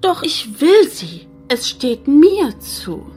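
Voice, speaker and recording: Woman acting smug, high-voiced, unhurried crime boss lady. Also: sing-song, darkish tone, soft background music, full character voice. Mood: menacing. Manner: mock-polite, condescending, theatrical. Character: smug female crime boss craving world domination. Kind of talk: hobby audio drama acting.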